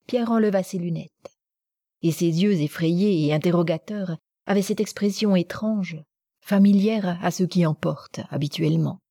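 Mellow, husky woman reading a novel. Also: on the low side, moderate pace, no echo, studio quality. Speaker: audiobook narrator. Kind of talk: scripted narration of a novel.

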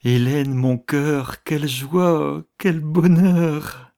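A woman voicing an emotional elderly prince who speaks slowly in a deep, put-on voice. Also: steady tone, dark tone, no echo, clean studio sound, full character voice. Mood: effusive. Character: emotional elderly male prince, fatherly, tearful.

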